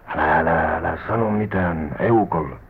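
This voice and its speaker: An actor playing a penniless, worldly drifter in a vintage radio drama, talking wryly and theatrically with stray English words. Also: male voice, low voice, husky, full character voice. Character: poor wandering drifter man, wry and worldly. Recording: tinny old radio broadcast recording.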